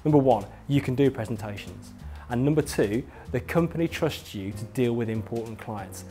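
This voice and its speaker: A male instructor reads a scripted lesson straight to the viewer, emphatic, encouraging and explanatory. His mid-range voice is expressive and dark in tone, at normal speed, with faint music behind him.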